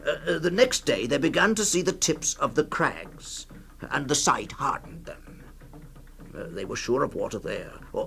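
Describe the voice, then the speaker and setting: In a 1960s radio reading with music, an actor plays a hesitant male storyteller. His mid-range voice is a bit bright yet gravelly and halting, fully in character as he tells a grim tale full of uhs and pauses.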